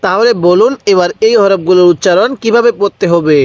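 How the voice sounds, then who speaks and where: A man's voice: sits high, a little fast, a little mellow, dry recording, highs cut off. A man teaching Quran reading, spelling out Arabic syllables and repeating them patiently for learners to read along. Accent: Bangladeshi Bengali. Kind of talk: slow spelled-out recitation lesson.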